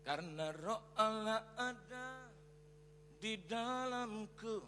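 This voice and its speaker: Male pastor, high voice, bright edge, animated sermon storytelling, mixes in English. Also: slow, faint music behind. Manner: animated, mixes English phrases, acts out quotes loudly. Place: large church hall. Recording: reverberant church hall with faint noise.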